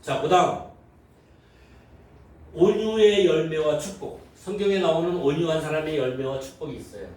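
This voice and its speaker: A man's voice: fairly high pitch, normal speed, long pauses, darkish tone. A male pastor gives a sermon, asking the congregation questions and acting out how worldly people react. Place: church sanctuary. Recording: very echoey hall, voice from far off, faint noise.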